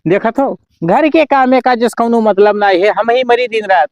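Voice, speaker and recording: A man's voice: extremely high pitch, normal speed, a little mellow, no echo. A man playing an exasperated, hard-working village father who grumbles in an Awadhi accent in an amateur comedy sketch. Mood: weary grumbling. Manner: complaining, grumbling.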